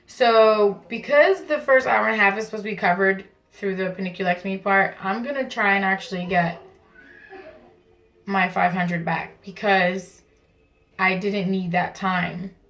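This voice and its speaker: Female vlogger, casual and chatty, mid-range voice with heavy creak, informal explainer delivery to camera. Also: medium pitch, a little slow, fairly bright tone. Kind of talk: casual vlog talk to camera. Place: at home in a bathroom.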